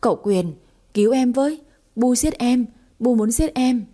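Woman doing a sly young wife in an audiobook, teasing rhymes, warm breathy tone. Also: mid-range voice, lively intonation, a little fast, close to an everyday voice. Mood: wailing. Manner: mocking, singsong rhymes. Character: sharp-tongued scheming young wife.

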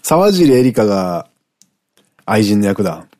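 A man's voice: on the low side, big pitch swings, unhurried, darkish tone. A middle-aged man co-hosting a radio show, chatting casually, laughing often and rambling off into asides.

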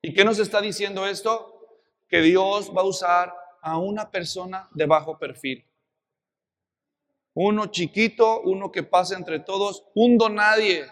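A man with a Mexican accent preaching a sermon, telling a Bible story in a lively way with many rhetorical questions. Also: high voice, a little slow, big-room sound. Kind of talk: expository sermon.

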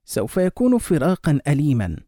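A man's voice: a little high, huge pitch swings, fast talker, dark tone, no room sound, studio quality. A man voicing a troubled young married woman in love, reading her lines in a restrained, sorrowful way.

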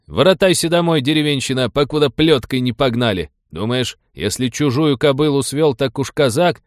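A cocky young noble cossack with a raised, loud, taunting voice that snaps out insults, as a male narrator puts him on. He is hot-headed and scornful, all bluster and sneer in a storybook reading, recorded dry and close. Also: medium pitch, normal speed, no room sound, pitched above the performer's own voice, lightly acted.

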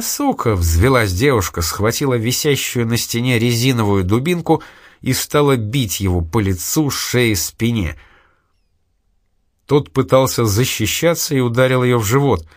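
A man narrating an audiobook in a steady, even reading style. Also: medium pitch, no echo, clean studio sound. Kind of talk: scripted narration.

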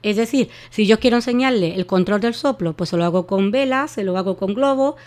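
A woman's voice: mid-range voice, a little fast, darkish tone. A woman giving voice care advice in a radio interview, explaining with many fillers and restarts. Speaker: voice therapist guest.

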